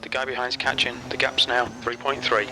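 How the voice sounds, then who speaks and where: A man voicing an in-game race engineer who gives terse, clipped pit radio calls in an even delivery. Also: mid-range voice, moderate pace, music in the background, lightly acted, low-quality recording. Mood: curt. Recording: game audio under loud engine noise.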